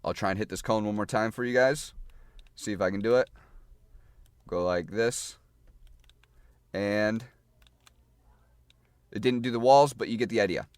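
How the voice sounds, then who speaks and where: A man with a lowish voice walks through game tactics in a loose, chatty way, repeating phrases and thinking aloud as he plays. The sound is dry and close, with no room echo. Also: measured pace, long pauses, clear, resonant tone. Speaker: gaming guide creator. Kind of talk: casual gameplay tutorial.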